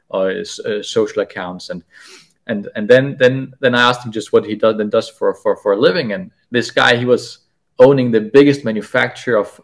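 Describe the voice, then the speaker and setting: A man speaking as a podcast guest, telling a story casually, often stumbling and repeating words as he goes. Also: on the low side.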